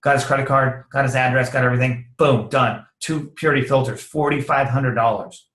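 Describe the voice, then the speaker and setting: Energetic man coaching in a roomy echo. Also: medium pitch, brisk. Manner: energetic, casual and slangy, acts out quoted conversations. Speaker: network marketing trainer. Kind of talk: motivational training talk.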